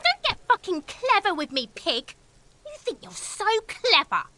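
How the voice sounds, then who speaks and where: A woman's voice: very high-pitched, wildly swooping pitch, unhurried, bright, forceful tone, heavily acted. A woman playing a hostile, paranoid, foul-mouthed video game character, accusing and agitated. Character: hostile, paranoid foul-mouthed resident who distrusts police.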